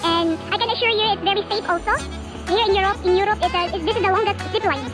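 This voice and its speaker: A woman's voice: extremely high pitch, fast talker, over loud music. A woman with a Filipino accent chatting casually for her vlog at an outdoor zipline park, giggly and mixing Tagalog with English. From Philippines. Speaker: vlogger.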